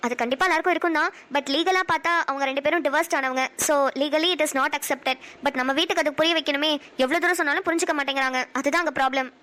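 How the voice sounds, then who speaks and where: Lady doing a bossy young cartoon friend, real high voice, rattles it off fast. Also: fairly even intonation, pushed and bright. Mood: scolding. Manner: scolding, then soothing.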